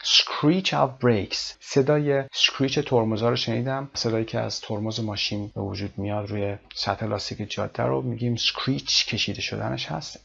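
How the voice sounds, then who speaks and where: A man teaching English vocabulary, reading English phrases slowly and then explaining them quickly in Persian. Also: mid-range voice, gravelly. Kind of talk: language lesson explaining vocabulary. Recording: dull lo-fi recording.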